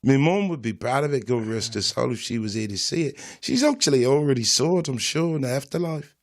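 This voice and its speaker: A man's voice: very high-pitched, moderate pace, no room sound, studio quality, pitched above the performer's own voice. A man voicing a brash, cocky British bloke who swears and keeps saying mate. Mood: boastful. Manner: cheeky, swearing, calls people mate. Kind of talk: comedic impression in a podcast chat.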